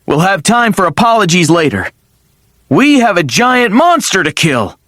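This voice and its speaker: A man voicing a loyal talking sword who acts as a mentor, speaking earnestly and excitably. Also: high-pitched, moderate pace, dry recording, studio quality, voice pushed up. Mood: excited.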